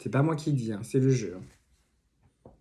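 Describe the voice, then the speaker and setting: A man's voice: medium pitch, expressive, unhurried, dark tone. A man giving a casual card reading, rambling with many fillers, asides and jokes. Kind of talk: casual spoken tarot reading. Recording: noisy home recording with clicks.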